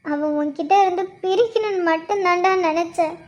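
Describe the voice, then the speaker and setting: Woman voicing a guilty elder sister, pleading, very high voice. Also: fairly quick, a little mellow, lo-fi sound. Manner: pleading, emotional. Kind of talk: cartoon voice acting.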